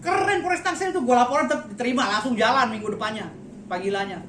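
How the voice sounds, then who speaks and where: A man's voice: very high voice, fast talker, a bit bright. A man giving a heated press statement, blunt and insulting, with a habit of repeating a slang tag. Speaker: interviewee. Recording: echoey, faint background noise.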